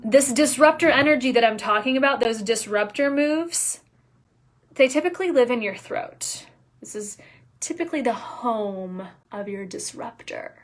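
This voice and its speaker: Woman coach, fairly high voice, energetic, emphatic, soft near-whispers at times. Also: normal speed. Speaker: business coach. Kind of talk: casual live coaching talk.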